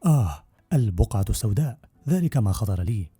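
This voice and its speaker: A man reading an audiobook voices a sly, smooth-talking one-legged male pirate captain with a persuasive, wheedling manner. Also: fairly low pitch, big pitch swings, a little fast, mellow, no echo, heavily acted. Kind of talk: audiobook character voice.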